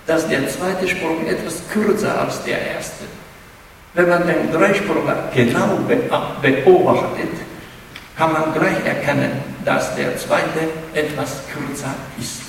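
A man's voice: a little high, vocal fry, a little hiss or hum. A man giving a spoken lecture, hesitant and often restarting his words. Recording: echoey hall, mic far off.

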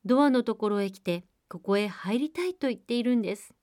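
A woman's voice: fairly high pitch, animated, fairly quick, a little mellow, no room sound, clean studio sound, close to an everyday voice. A woman voicing a spoiled young princess who talks haughtily and dismissively. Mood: flustered.

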